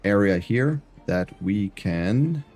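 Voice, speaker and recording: Lively-pitched chatty male streamer. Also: slow pace, faint music behind. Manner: chatty, rambling, stumbles and repeats words. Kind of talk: live-stream gameplay commentary.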